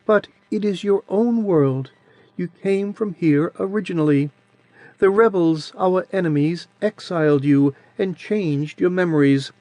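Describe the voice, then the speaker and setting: A man pushes his voice up high to play Adiran, the small, ancient coven crone whose voice is sweet and childish, in an audiobook reading. He keeps a measured pace, soft and quiet with an unsettling calm, and there's no room sound.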